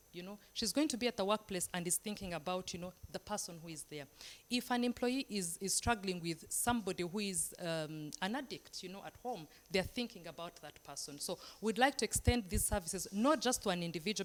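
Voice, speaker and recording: A woman hosting and moderating a webinar, speaking directly to the audience in an encouraging way before passing questions to a guest. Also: medium pitch. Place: video call.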